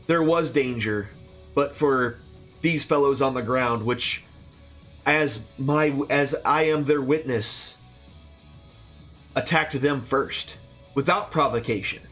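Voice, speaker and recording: A man's voice: mid-range voice, slow, pauses often, a bit bright, faint music behind. A man voicing a courtly male noble who speaks formally in a tabletop game. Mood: gracious. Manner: formal, gracious.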